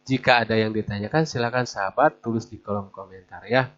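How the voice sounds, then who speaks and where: A man teaching Quran recitation rules to beginners, patiently repeating each example with slow, drawn-out recitation. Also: lowish voice, a bit bright. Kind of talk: tajwid lesson for beginners. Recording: dull lo-fi recording.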